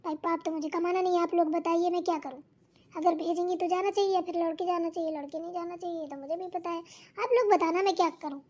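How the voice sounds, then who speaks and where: A woman's voice: extremely high pitch, fairly even intonation, quick pace, darkish tone. A woman voicing a chatty young daughter-in-law in a cartoon who talks straight to viewers. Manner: chatty, addresses viewers directly. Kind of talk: cartoon voice acting.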